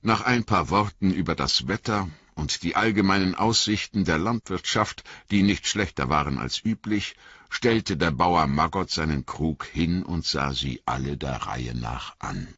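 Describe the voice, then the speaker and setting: A man narrating a fantasy audiobook in an expressive storytelling manner. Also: sits low, measured pace, slightly rough, no echo, muffled recording. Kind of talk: scripted narration.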